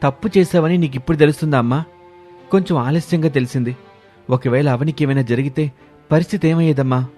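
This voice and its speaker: A man's voice: mid-range voice, fairly even intonation, darkish tone, faint music behind, lightly acted. A man voicing a worried young husband who talks earnestly and protectively in a storybook tale. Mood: reproachful. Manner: earnest, rising to a quick scolding.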